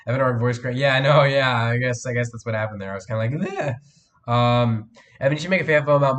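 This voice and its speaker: A man's voice: mid-range voice, a bit bright. Teen male streamer, sick with a cold, loose rambling chat host. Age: teens. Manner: rambling, answers chat, many fillers and restarts. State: has a cold, voice cracks. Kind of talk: casual live stream chat.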